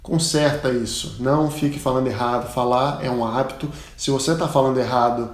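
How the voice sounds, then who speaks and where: A Brazilian man, a pilot, giving a casual spoken lesson, chatty and full of anecdotes, repeating the words he teaches loudly. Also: medium pitch, steady tone, fairly quick, roomy sound. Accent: Brazilian Portuguese. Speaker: pilot and aviation English instructor.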